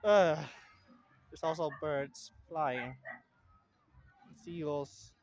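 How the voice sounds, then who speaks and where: A young man from Puerto Rico with a voice on the high side vlogs at a beach park, wandering in and out of a tent with his phone held in hand. His talk is rambling, unhurried, and plain-spoken. The recording is dry, with dull lo-fi phone sound.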